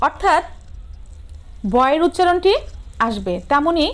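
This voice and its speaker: A middle-aged woman teacher with a Bangladeshi Bengali accent, giving a grammar lesson, asking questions and answering them herself and sounding out words slowly and carefully. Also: sits high, animated. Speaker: school teacher.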